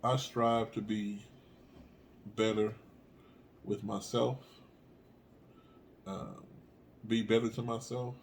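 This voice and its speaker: A man's voice: on the low side, level tone, slow, long pauses, a little hiss or hum. A man co-hosting a podcast in casual chat, playful and joking. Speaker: podcast co-host.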